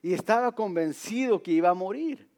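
A man preaching a sermon, telling stories and quoting lines in a soft low voice, slipping in English words now and then. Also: animated, normal speed. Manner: storytelling with acted quotes, occasional English words. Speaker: pastor.

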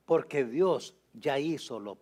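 A man preaching a sermon in an emphatic way, repeating key phrases and often dropping to a low, soft voice. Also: expressive, slow.

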